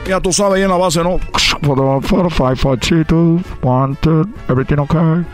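A man voicing an excitable, boastful male baseball player, telling rambling tall tales in a comic radio sketch and shouting his catchphrases. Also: normal speed, faint music behind, close to an everyday voice. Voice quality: high, squealing delivery. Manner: rambling, shouting catchphrases, laughing at own jokes. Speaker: recurring comedy character on a radio show.

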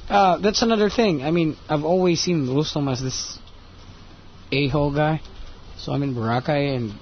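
A man's voice: fairly high pitch, moderate pace. A man hosting a casual chat show, reading listener messages and laughing often. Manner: chatty, laughs often, switches into Cebuano phrases. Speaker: radio show host reading listener texts. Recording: dull lo-fi audio with faint noise.

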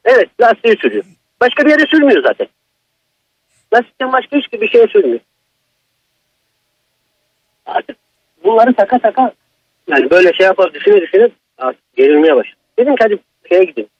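Husky man on a dull phone line. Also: sits high, sing-song, brisk, pauses often, no echo. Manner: agitated, emphatic retelling. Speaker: caller. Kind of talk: telling a personal horror story.

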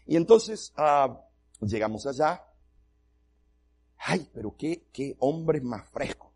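Gravelly, husky male pastor telling jokes. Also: medium pitch. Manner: animated, comic, self-mocking. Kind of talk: humorous sermon storytelling.

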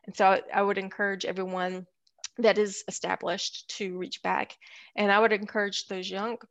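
A woman's voice: mid-range voice, level tone, moderate pace, fairly bright tone, no room sound. A woman speaking as a podcast guest about her career in architecture, thoughtful and full of fillers. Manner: thoughtful, many fillers and restarts. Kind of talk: casual interview conversation.

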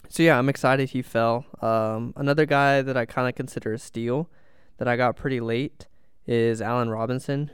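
A man's voice: medium pitch, clear, resonant tone, no room sound, studio quality. A man co-hosting a podcast, talking casually about football picks in an upbeat, agreeable way. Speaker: podcast co-host. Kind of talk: casual sports chat.

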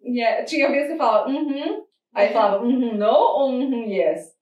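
A Brazilian woman with a Brazilian Portuguese accent chatting casually, telling animated stories, laughing often and acting out what others said. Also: on the high side, moderate pace, lo-fi sound. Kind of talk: casual chat. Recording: roomy sound from a distant mic.

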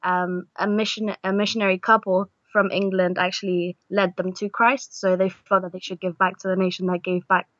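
A woman's voice: mid-range voice, level tone, moderate pace, hardly any pauses, a bit bright, no echo. Young female missionary guest from Argentina, hesitant and full of fillers, dry muffled recording. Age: young adult. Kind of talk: casual interview.

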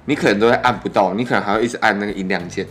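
A young man with a Taiwanese Mandarin accent speaks in a low register. His words are a little thick and muffled, as he talks with braces on. He hosts casually, in a laid-back, joking way. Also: very fast, a bit bright, faint music behind. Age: 20s. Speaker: podcast host. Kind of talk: casual chat.

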